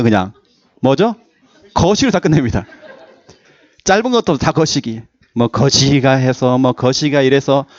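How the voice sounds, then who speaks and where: A man's voice: a little high, no room sound, muffled recording. A man preaching a Sunday sermon as pastor, in a playful, joking manner. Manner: animated, playful preaching with jokes. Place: church service.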